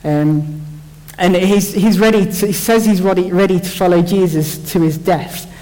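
A man's voice: high-pitched, steady tone, normal speed, darkish tone. Chatty man, echoing hall. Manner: chatty, jokey, thinks aloud with restarts. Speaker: church speaker. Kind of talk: informal Bible talk. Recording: long hall reverb.

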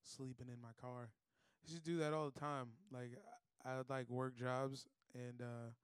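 Male comedian guest, casual storyteller, smooth clear voice, dry close sound, slips into quoted voices. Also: mid-range voice, flat delivery, unhurried, no echo. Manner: loose, profane, acts out quoted voices.

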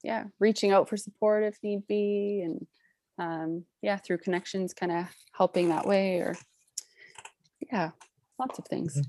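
A woman's voice: mid-range voice, fairly even intonation, measured pace, warm tone, no echo. A woman on a podcast panel reflecting casually in tentative, circling phrases.

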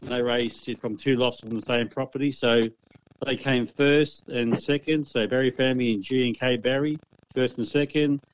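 A man's voice: medium pitch, steady tone, moderate pace, clean tone, lo-fi sound. An Australian man giving results as a guest club official, easygoing and chatty. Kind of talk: casual report.

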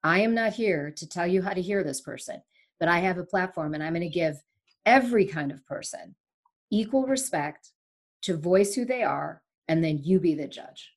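In a casual interview conducted over a remote call, a woman from Sri Lanka in her forties takes the guest seat, though she's a veteran broadcaster and podcast host herself. Her pitch is fairly low and her pace moderate, and she spins animated stories with candor and emphasis.

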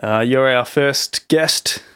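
A man's voice: medium pitch, slow, fairly bright tone, smooth, dry recording. A man hosting a podcast, chatting in a laid-back, informal way. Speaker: podcast host, musician. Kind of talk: casual chat.

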